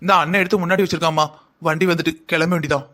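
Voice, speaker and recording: A man voicing a young married daughter in a cartoon story, gentle and placating toward her mother. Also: a little high, steady tone, rapid-fire.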